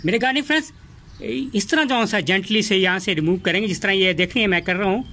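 A man hosting a casual gardening tutorial in his home garden, talking in a halting way with many fillers and restarts. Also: high voice, sharp tone. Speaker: gardening channel host.

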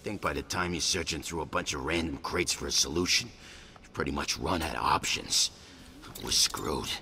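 A man's voice: extremely low pitch, moderate pace, bright, forceful tone, full character voice. An actor playing a gloomy, defeatist male thug in a video game, grumbling from far off in an echoing space. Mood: resigned. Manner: grumbling, pessimistic. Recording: distant, echoing hall.

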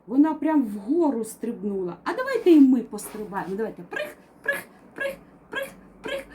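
A woman with a high, mellow voice leads toddlers through a learning game. Her pitch swoops widely as she coaxes and chants playful rhymes. She speaks slowly so the children can repeat words after her. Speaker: preschool teacher. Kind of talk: children's educational game video.

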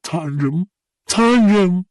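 A man's voice: a little high, animated, a little slow, a little mellow, dry recording, voice pushed up, poor audio. A man voicing a distraught, heartbroken young woman in an audiobook, her speech tearful and full of pleading questions. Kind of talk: audiobook character reading.

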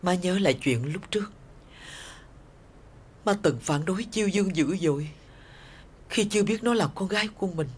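A woman's voice: on the low side, animated, moderate pace, long pauses, a little mellow, breathy edge. A middle-aged woman playing a distraught mother in a TV drama, speaking in an anguished, commanding way. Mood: sorrowful. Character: distraught mother threatening her own life. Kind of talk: TV drama acting.

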